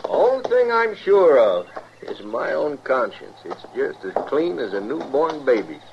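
An actor playing a cocky, callous American gambler outlaw in a radio western, with folksy frontier talk and a gravelly voice. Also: male voice, mid-range voice, very animated, a little slow. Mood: smug. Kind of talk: old-time radio western acting. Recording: noisy, dull old radio recording.

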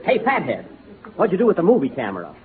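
A man's voice: fairly high pitch, wildly swooping pitch, fast talker, noisy background. A man playing a brash, wisecracking male explorer in a 1930s radio comedy, full of puns. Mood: cocky. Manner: wisecracking, punning. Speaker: comic lead. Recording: tinny lo-fi 1930s radio broadcast, studio audience.

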